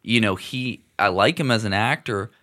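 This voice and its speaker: Bright-voiced man in rambling film chat. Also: lowish voice, moderate pace. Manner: rambling, restarts, colloquial asides. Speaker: co-host of a film talk show. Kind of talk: casual podcast chat about movies.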